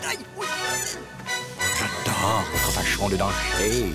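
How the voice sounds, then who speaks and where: A man's voice: takes it slowly, over loud music. An actor playing a vain, lovestruck male alien emperor who speaks with an odd "z" lisping accent and boasts theatrically. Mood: pompous. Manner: boastful, theatrical, swooping pitch. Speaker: villain in a children's cartoon.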